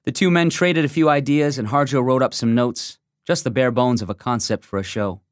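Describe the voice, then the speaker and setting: Dry, measured male essay narrator. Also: medium pitch, no room sound. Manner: measured, reflective first-person reading. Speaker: essay reader. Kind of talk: scripted narration of a magazine essay.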